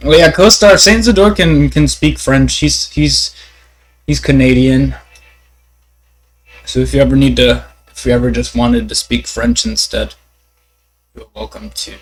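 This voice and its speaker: A man's voice: a little high, lively intonation, a little hiss or hum, rough recording. A man, a native English speaker, chatting casually as a live streamer with his viewers. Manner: halting, beginner French with searching pauses when speaking French. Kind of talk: casual chat.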